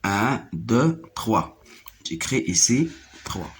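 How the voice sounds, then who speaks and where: A man's voice: on the low side, big pitch swings, very slow. A man teaching French to young pupils, repeating each word several times and counting its syllables aloud. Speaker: primary school French teacher. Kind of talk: slow classroom reading lesson.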